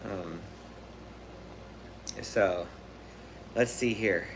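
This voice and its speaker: Low-voiced and extremely slow, a man in his thirties from Southern California runs a live Q&A stream. He rambles informally with plenty of fillers and false starts, and background noise can be heard.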